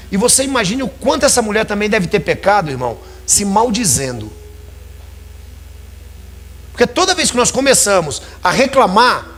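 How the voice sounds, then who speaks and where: A man's voice: sits high, a bit bright. A man preaching a sermon in a church, talking conversationally and calling his listeners brothers.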